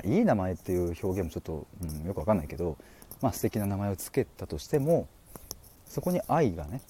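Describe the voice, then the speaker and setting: A man hosts a casual livestream and chats with listeners in a dark, mellow voice. His pitch leaps around a lot as he talks, and faint noise sits under the recording. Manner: chatty and animated, laughing often, with quick pitch jumps. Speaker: livestream host reading listener comments. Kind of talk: casual solo livestream chat.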